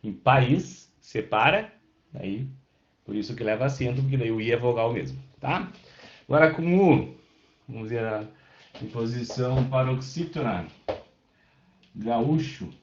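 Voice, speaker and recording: A man's voice: mid-range voice, moderate pace. A man teaching a Portuguese class who explains step by step, checks often that students follow and answers them by name. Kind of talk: online class lecture. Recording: roomy, dull lo-fi sound.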